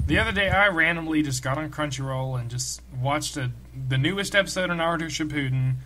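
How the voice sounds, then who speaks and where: A man's voice: fairly high pitch, a little fast, bright, forceful tone. A man co-hosting a casual podcast, talking in an easygoing, hedging way. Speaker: podcast co-host. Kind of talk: casual chat.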